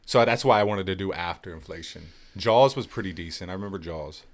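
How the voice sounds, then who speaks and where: A man's voice: low voice, a little fast. A man in his thirties hosting a casual live podcast, sarcastic and joking, swearing freely. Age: 30s. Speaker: podcast host.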